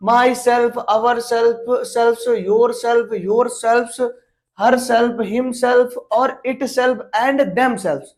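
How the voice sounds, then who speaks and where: Woman teacher, high-pitched and slow, talks students through grammar with rhetorical questions. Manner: repeats points and asks herself rhetorical questions. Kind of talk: explaining a lesson for board exam students.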